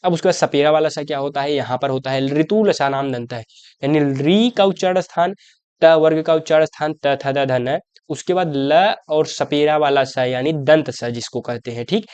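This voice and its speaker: A man's voice: a little high, moderate pace, a little mellow, clean tone, dry recording. A young man teaching an exam-prep grammar lesson. He explains step by step, asks questions and answers them himself, and keeps calling the viewer his brother.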